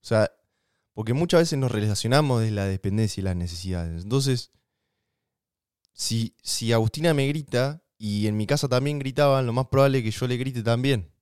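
An Argentine man talks through relationship advice in a loose, conversational way, leaning on slang and everyday examples. His voice is smooth and clear. The sound is dry and close. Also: mid-range voice, normal speed, a little mellow, no room sound. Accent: Rioplatense Spanish. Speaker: podcast co-host. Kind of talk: casual relationship advice chat.

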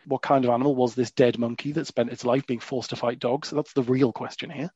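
A man's voice: medium pitch, steady tone, brisk, mellow, slightly rough, no echo. A man hosting a podcast in casual, jokey chat, full of asides and fillers. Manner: chatty, jokey, frequent "you know" fillers. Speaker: podcast host. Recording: dull lo-fi dry recording.

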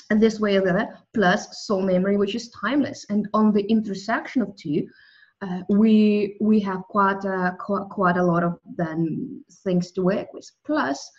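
A woman whose first language is Russian is a guest in a spiritual interview, musing thoughtfully on soul and language. Her medium-pitched voice is a little mellow, and she restarts often; the sound is lo-fi.

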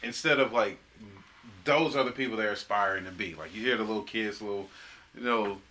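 A man's voice: fairly low pitch, fairly quick, bright, forceful tone, poor audio. A man in casual podcast chat, chiming in supportively and leaning on "you know".

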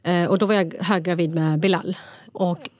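A woman's voice: on the low side, steady tone. A woman co-hosting a podcast, telling a personal story in casual talk and mixing in English phrases. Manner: storytelling, mixes in English phrases, many fillers. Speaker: podcast co-host. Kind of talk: casual conversation.

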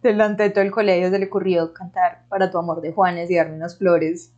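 A woman's voice: lowish voice, flat delivery, a little fast, darkish tone, highs cut off. A woman in her thirties with a Colombian paisa accent, hosting a podcast in slangy, laugh-filled casual chat. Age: 30s. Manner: slangy, laughs often, chatty. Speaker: podcast host.

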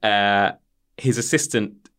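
Deep voiced guy hosting a laid-out casual film chat, retelling scenes. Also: fairly even intonation, slow, fairly bright tone, clear, resonant tone. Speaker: podcast host, quizmaster.

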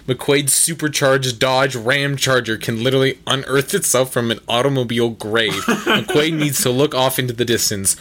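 A man with a bright, clear voice reads reviews aloud on a podcast in casual chat. He keeps a dry, amused tone and chuckles between the lines, at an everyday middle pitch. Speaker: podcast co-host.

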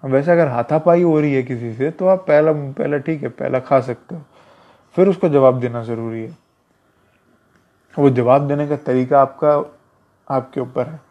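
A man's voice: medium pitch, normal speed, long pauses. A man talking casually about self-defense as an instructor, repeating himself and calling the listener brother. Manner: conversational, repetitive, addresses listener as brother. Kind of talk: casual advice talk. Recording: dull lo-fi recording.

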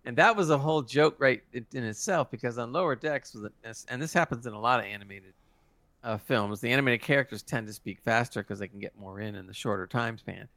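Excited guy on a podcast, bright tense voice, dead dry mic, stumbles a lot. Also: mid-range voice, fairly quick, gravelly, no echo. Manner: enthusiastic, stumbling restarts. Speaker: podcast co-host. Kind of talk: casual review chat.

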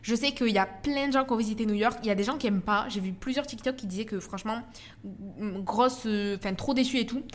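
A woman's voice: fairly high pitch, quick pace. Chatty young French woman, slangy podcast talk. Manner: chatty, slangy, many fillers and repeated words. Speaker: podcast host. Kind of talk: casual solo podcast chat. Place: at home in Dubai.

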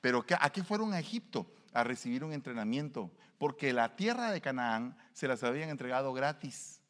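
A man's voice: mid-range voice, sing-song, brisk, fairly bright tone. A man preaching a sermon, colloquial and emphatic, full of rhetorical questions. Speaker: pastor. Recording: long hall reverb.

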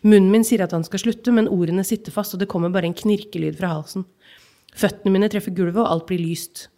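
A woman's voice: mid-range voice, steady tone, mellow. A woman hosting a live literature podcast before an audience at a library, talking with many filler sounds and then reading a book excerpt aloud. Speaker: podcast host.

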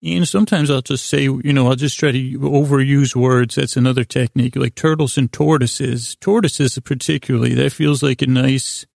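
Hosting a bedtime podcast meant to lull listeners to sleep, a man rambles in a creaky, gravelly, mid-range voice with a slightly mellow quality. He halts, repeats himself and drifts into absurd tangents, captured in studio-quality sound with no echo.

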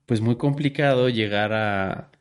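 A mid-pitched man, hosting a casual podcast conversation. He talks with slang and stumbles into repeated restarts as he works out his point. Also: a little slow, smooth. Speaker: podcast host.

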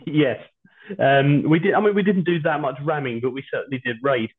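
British man podcasting over a tinny, low-quality stream. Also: a little fast. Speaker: podcast host. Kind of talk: casual chat. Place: at home, on a video call. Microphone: video call without his usual microphone. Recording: low-quality online stream, phone-like sound.

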